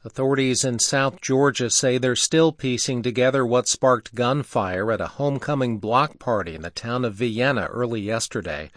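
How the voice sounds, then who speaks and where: A man reading a radio newscast in a steady, measured way. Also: mid-range voice, no room sound, studio quality.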